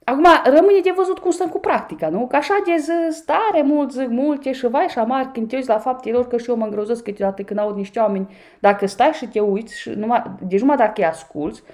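A woman's voice: a little high, darkish tone. A woman from Romania commenting on clips in a sarcastic, mocking way, speaking to her viewers as a vlogger. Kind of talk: reaction commentary.

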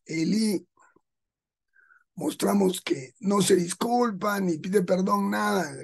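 A man preaches slowly and deliberately. His voice is slightly husky, and he explains each point with small rhetorical asides. The tone is that of a pastor teaching his congregation. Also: high voice. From Peru. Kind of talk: sermon.

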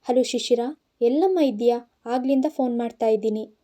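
A woman's voice: a little high, brisk, mellow, lightly acted. Woman doing a furious scolding father. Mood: plain. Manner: scolding, raised voice. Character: stern angry village father, middle-aged man.

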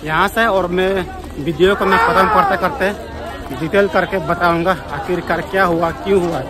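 Young male vlogger, casual, chatty, high-ish voice, outdoor crowd noise. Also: moderate pace. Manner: chatty, addresses viewers as brother. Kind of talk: casual vlog narration at a rally. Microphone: phone held at arm's length. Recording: loud crowd behind.

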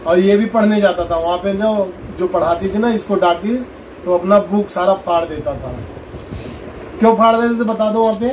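A man in his thirties telling his family's day at home, in a relaxed and plain way. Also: sits high, moderate pace, far from the mic, a little hiss or hum, poor audio. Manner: plain, relaxed storytelling, coaxing with children. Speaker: husband, father. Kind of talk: casual conversation. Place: home, indoors.

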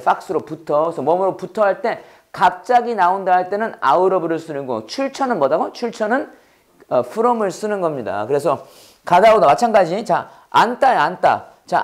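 Grammar teacher for a recorded lecture: animated pitch, keeps repeating questions for learners to answer, slows right down for example sentences. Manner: drills learners with repeated questions and call-and-response; reads example sentences slowly and deliberately.

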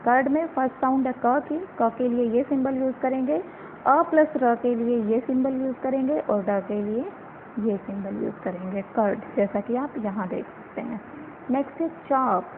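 A woman's voice: a little high, moderate pace. A woman teaching a phonetics lesson, explaining step by step and asking and answering her own questions. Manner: mixes English words into her talk. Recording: tinny phone-quality audio with faint noise.

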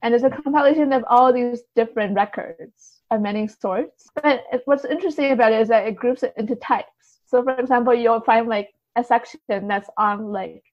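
A woman speaks at a moderate pace with few pauses and a fairly high pitch, explaining things as a podcast guest. Her manner is casual and tentative, full of hedges and the word "like," on dull, slightly lo-fi audio.

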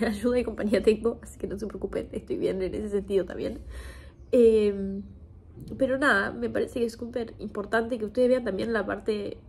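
In a noisy recording from her home kitchen, a video creator in her twenties makes a candid confessional chat to camera. Her voice is on the high side, darkish and breathy, and she sounds hesitant and emotional, nearly crying, breaking into nervous little laughs.

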